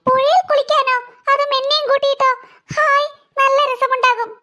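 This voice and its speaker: A woman's voice: very high-pitched, flat delivery, moderate pace, pushed and bright. A woman voicing a small, timid cartoon girl who whines and pleads fearfully. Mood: eager.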